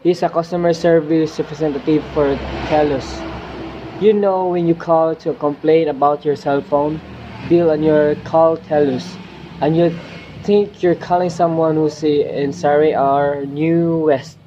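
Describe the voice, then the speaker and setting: A man's voice: a little high, level tone, unhurried, warm tone, highs cut off, a little hiss or hum, natural voice. A young man playing a bored Filipino immigrant teenage boy who grumbles casually about food and loneliness, with a Filipino accent. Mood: grumbling. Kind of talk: student dramatic reading.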